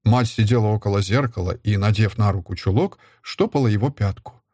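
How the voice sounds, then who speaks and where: A man narrating a story in the first person, steady and even. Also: fairly low pitch, a little fast, no echo, studio quality. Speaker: audiobook narrator. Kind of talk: scripted narration.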